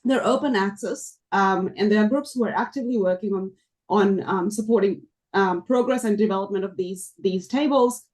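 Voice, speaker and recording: A woman researcher answering questions on a panel, hesitant, with a hoarse voice that is giving out. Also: medium pitch, normal speed, darkish tone. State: losing her voice, hoarse.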